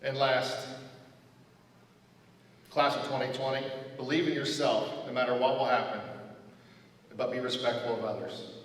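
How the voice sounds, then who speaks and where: A man's voice: medium pitch, little pitch movement, moderate pace, pauses often, distant mic. Man giving advice in an echoey hall. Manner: earnest, list of short advice lines. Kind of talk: commencement address.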